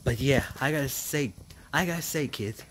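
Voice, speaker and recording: A young man chatting casually to camera outdoors, talking haltingly and often repeating his phrases. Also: mid-range voice. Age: young adult. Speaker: vlogger. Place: outdoors on porch and yard. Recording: noisy outdoor camera audio.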